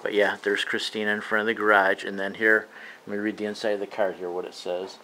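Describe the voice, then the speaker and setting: An older man with a low voice talks casually to his online viewers. His delivery is plain and informal, with little rise and fall. There is faint noise in the room behind him. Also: little pitch movement, fast, pushed and bright, low-quality recording. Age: older, around 60. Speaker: moto vlogger. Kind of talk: casual video chat to viewers. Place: small living room indoors.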